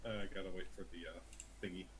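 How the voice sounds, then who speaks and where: A man's voice: low voice, level tone, rapid-fire, noisy background. A man playing a tabletop game with friends, eager and explaining things with restarts. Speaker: player. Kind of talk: tabletop game play, casual chat.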